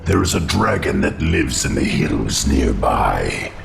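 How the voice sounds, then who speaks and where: Ancient insectoid undead lord for fantasy game: extremely deep, heavily creaking, grave and courteous. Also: male voice, big pitch swings, exaggerated voice. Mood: grave counsel. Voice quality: gravelly, cavernous. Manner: formal, measured, courteous. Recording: echoing voice with noise behind.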